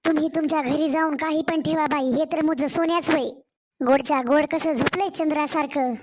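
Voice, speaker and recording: A woman's voice: high voice, fairly even intonation, fairly quick, a little hiss or hum, natural voice. A woman voicing an older village mother, doting and worried, coaxing her daughter in a cartoon story. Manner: fussing, coaxing.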